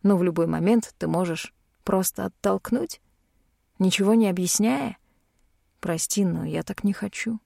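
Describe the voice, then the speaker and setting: A woman lowers her voice to play a brooding young man from an audiobook. He speaks in a dark, soft, hissing tone, bitter and wounded, in a dry close recording. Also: moderate pace, vocal fry, no room sound, exaggerated voice. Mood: hurt. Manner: low, hissing reproach. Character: hurt, brooding young man confronting his lover.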